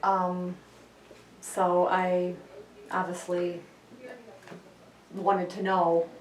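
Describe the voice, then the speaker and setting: A woman's voice: fairly low pitch, flat delivery, very slow. A woman giving brief, agreeable answers as a patient in a casual testimonial interview. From United States, Chicago area. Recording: distant mic in echoey room.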